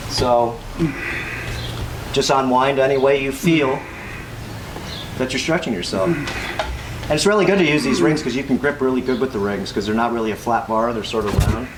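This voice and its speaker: Man casually coaching stretches, noisy background. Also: mid-range voice. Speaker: workout host. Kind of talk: casual exercise demonstration. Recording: clearly noisy ambient background.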